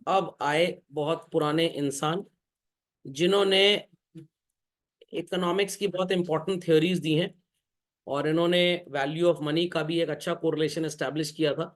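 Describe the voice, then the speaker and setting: High-voiced joking male teacher. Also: steady tone. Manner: jokey, keeps addressing the class as children; asks the class quick questions. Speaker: commerce teacher. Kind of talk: classroom lecture.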